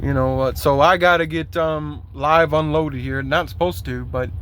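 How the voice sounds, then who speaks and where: Profane, fed-up trucker ranting. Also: male voice, a little high, steady tone, normal speed, fairly bright tone, slight background noise. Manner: heavily profane, aggravated complaining; loose, rambling with fillers and repeats. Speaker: truck driver. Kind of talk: venting vlog rant.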